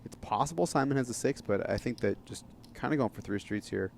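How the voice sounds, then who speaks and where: A man's voice: medium pitch, animated, fairly quick, gravelly, a little mellow, a little hiss or hum. A man with a New York accent giving casual, analytical live poker commentary. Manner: casual, analytical, restarts often.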